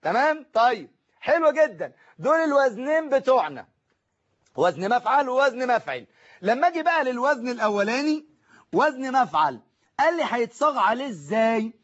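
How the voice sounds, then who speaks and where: An Egyptian Arabic teacher leads a methodical exam-prep grammar lesson in a high-pitched, slightly bright voice with big pitch swings and an Egyptian accent. He asks and answers his own questions, drills the class to repeat forms, and slows right down to spell out and stretch word patterns. The sound is dull and lo-fi.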